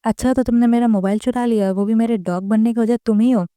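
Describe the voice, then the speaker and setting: A woman's voice: on the high side, fairly even intonation, fast talker, dark tone, smooth, no echo, clean studio sound, close to an everyday voice. A woman voicing an arrogant young male idol stuck as a dog, grumbling insults in a cocky way. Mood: angry.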